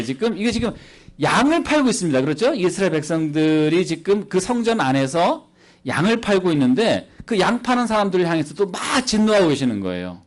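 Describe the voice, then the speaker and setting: At a church service, a man with a fairly high-pitched voice delivers a sermon as a missionary. Holding a microphone, he playfully and energetically quizzes the people in the pews.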